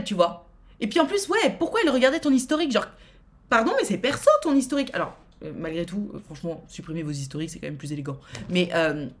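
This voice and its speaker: A woman streamer giving frank advice live, reading out viewer messages, blunt and outspoken with plenty of swearing, quick to get worked up. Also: medium pitch.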